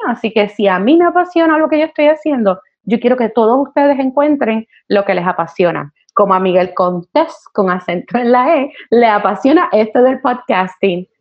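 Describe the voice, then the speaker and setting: A woman, a counselor talking as a podcast guest, passionate and animated, with many fillers. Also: on the high side, normal speed, few pauses. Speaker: guest, college admissions counselor. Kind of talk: conversational podcast interview. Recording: slightly dull podcast audio.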